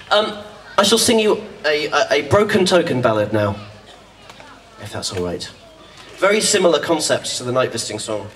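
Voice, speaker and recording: A man, a folk singer, chatting to an outdoor audience between songs with dry, self-deprecating humour. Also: mid-range voice. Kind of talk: stage banter between songs. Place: outdoor festival stage. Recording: distant outdoor live recording.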